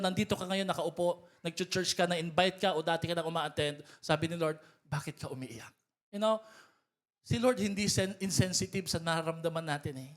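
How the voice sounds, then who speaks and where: Filipino-accented pastor, man, high-pitched, bilingual preaching, emphatic. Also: a bit bright. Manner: mixes Tagalog and English, rising to emphatic calls. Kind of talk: sermon. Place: church hall.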